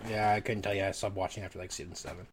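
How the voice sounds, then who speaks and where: A man in a relaxed podcast chat, rambling and filling pauses with "like" and "um". His voice is very deep. He swears casually as he talks. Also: slight background noise. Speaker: podcast co-host.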